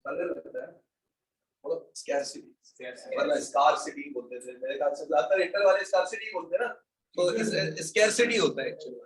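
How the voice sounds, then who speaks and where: A man's voice: fairly high pitch, a little fast, fairly bright tone, slightly rough. A man lecturing an economics class in an informal way, teasing his students and calling them brother and son.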